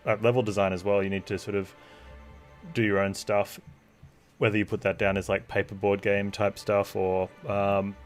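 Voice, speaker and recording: A man's voice: on the low side, level tone, moderate pace, faint music behind. A man livestreaming a game, chatting casually with his viewers as he plays. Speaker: game streamer.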